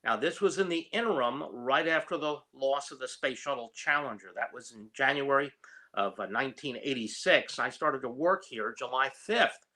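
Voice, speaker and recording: Older man in his seventies, bright clear voice, unhurried with ums, telling his career story. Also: mid-range voice. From New York. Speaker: guest, retired space engineer.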